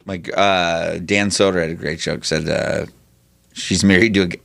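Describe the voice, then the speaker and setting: A man co-hosting a podcast in casual chat, telling profane, animated stories. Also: deep voice, normal speed, vocal fry, dry recording. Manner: profane, animated storytelling with mocking put-on voices. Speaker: podcast co-host.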